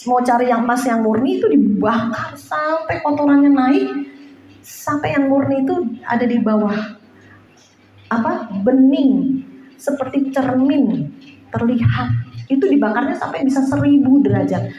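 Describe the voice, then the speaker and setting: A woman preaching an animated sermon in a church, often acting out the voices of people she quotes. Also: high-pitched, normal speed, long pauses, a little hiss or hum. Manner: animated preaching, addresses listeners as brothers and sisters, acts out quoted voices. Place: church hall. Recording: very echoey hall, dull lo-fi sound.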